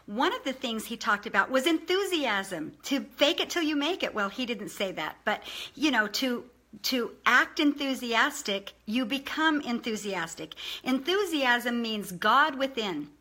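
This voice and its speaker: A middle-aged woman giving casual self-improvement advice in an animated, emphatic way. She talks fast, stumbles over words now and then, and laughs at herself. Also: a little high. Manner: talks fast, says she makes slips.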